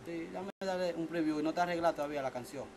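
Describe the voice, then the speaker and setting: A man's voice: on the high side, racing, noisy background. A man who is a music producer, chatting casually and jokingly in a small recording studio, picked up by a camera mic. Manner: boastful, joking, slangy.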